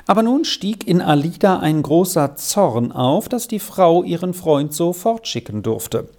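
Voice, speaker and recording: An audiobook reader narrating a children's story in an expressive, storytelling way. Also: medium pitch, unhurried.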